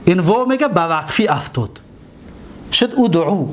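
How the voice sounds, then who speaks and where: A man's voice: high-pitched, expressive, slight background noise. Man drilling verb forms in a lesson. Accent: Tajik-accented Persian. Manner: drills verb forms slowly, stretching each word; checks in with listeners often. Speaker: Arabic morphology teacher. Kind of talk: classroom grammar lesson.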